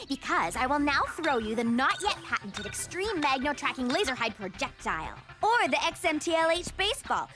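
High-voiced brainy teenage girl scientist. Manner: precise, know-it-all explaining. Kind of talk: cartoon acting.

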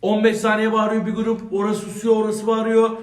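A man on a football panel, supporting the losing side, talking fast and complaining, often over the others. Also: high-pitched, monotone. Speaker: football pundit, Fenerbahçe supporter. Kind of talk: casual panel chat. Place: studio with a panel. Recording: roomy studio sound.

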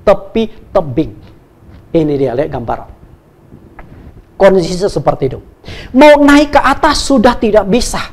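A woman's voice: sits high, a little mellow. A woman preacher telling an illustration in a sermon, asking the congregation rhetorical questions.

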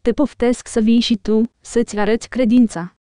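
A woman's voice: a little high, level tone, dark tone, no echo, studio quality, natural voice. Theoden, a woman reading a stern old king.

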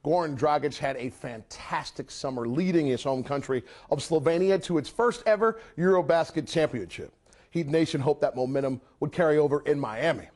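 A man's voice: a little high, normal speed, a little mellow. A man hosting a sports magazine show, introducing segments and asking questions in an upbeat presenter manner. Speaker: show host and interviewer.

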